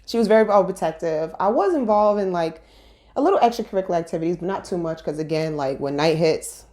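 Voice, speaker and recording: Her voice is dark, fairly low, expressive and quick. She's a young woman from Brooklyn being interviewed, telling her story casually and talkatively while laughing frequently.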